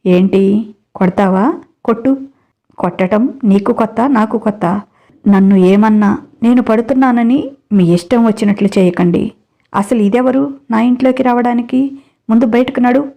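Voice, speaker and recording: A woman's voice: a little high, normal speed, long pauses, dark tone. A woman voicing a long-suffering young wife who now talks back in a stern, cutting way. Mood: defiant. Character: put-upon young wife finally defiant.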